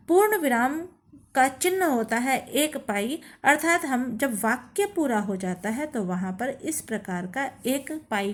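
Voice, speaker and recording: A woman teaching a grammar lesson to students, explaining slowly and stressing each example phrase. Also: on the high side. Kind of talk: classroom lesson.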